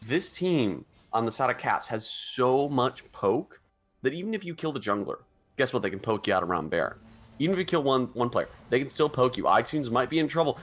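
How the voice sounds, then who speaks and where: A man casting live esports play-by-play, his voice leaping up in big fights. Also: fairly quick. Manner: excitable, pitch jumps high in big fights. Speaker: esports caster. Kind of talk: play-by-play commentary.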